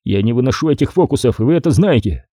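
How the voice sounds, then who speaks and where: A man's voice: medium pitch, animated, fast, dark tone, slightly rough, dry recording, clean studio sound. A man reading an audiobook voices a crude, impatient gangster who swears and bellows his lines. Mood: angry. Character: hot-tempered crooked gangster, adult man, crude and impatient.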